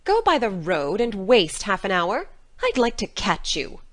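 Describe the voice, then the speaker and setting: Woman as stern, expressive, scolding Marilla. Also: medium pitch. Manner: brisk, scolding, incredulous, firm. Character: stern, practical, no-nonsense older woman guardian. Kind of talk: dramatic audiobook character reading.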